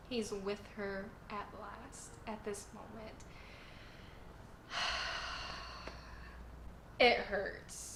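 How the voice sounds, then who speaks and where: Reviewing manga chapters for her channel in a casual video, this host gushes with earnest emotion despite a sore throat that strains her voice. Her medium-pitched voice is a bit bright, she records in a roomy space, and there's slight background noise.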